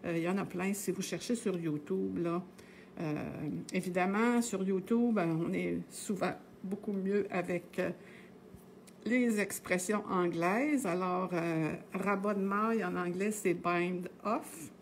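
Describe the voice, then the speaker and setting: A middle-aged woman with a Québécois French accent walks viewers through a knitting technique at home. Her talk is loose and chatty, with frequent pauses and filler words. Her pitch sits in the middle of the range, and a faint room ambience hums behind her. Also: a little hiss or hum. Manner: chatty and meandering, with many "euh" and tag "là". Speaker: knitting instructor on a live stream. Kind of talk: casual live knitting tutorial.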